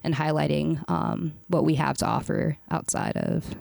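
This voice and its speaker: A woman's voice: low-pitched, level tone, normal speed, vocal fry, darkish tone, no room sound. A woman guest speaking earnestly and with emphasis in a casual conversation. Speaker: guest, cultural producer.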